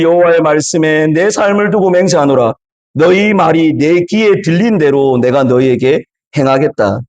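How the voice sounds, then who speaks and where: A middle-aged man preaching a Sunday sermon as pastor in a church, animated, swinging between loud bursts and soft asides and acting out quoted lines. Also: fairly high pitch. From South Korea. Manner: animated preaching, acts out God's and his own angry words. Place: church in a Korean congregation abroad.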